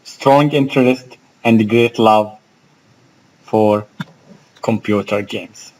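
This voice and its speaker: A man's voice: fairly low pitch, darkish tone, poor audio. A man with an Egyptian accent who teaches English vocabulary, spelling out words and asking his students questions. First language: Arabic. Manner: slow, explaining, spells out words and asks the class questions. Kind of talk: vocabulary lesson.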